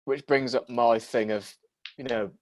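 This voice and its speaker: A man's voice: medium pitch, steady tone, a little slow. Hesitant young British man chatting. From Britain. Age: early 20s. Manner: hesitant starts, repeats words, then makes his point. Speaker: podcast co-host. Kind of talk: casual chat on a video call. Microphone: video call.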